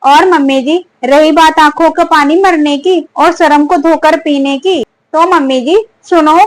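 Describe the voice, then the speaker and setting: A woman's voice: high-pitched, steady tone, measured pace, dry recording. Woman playing an outspoken young daughter-in-law. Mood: pleading. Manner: argumentative, pleading, repeatedly addressing her. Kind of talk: family skit acting.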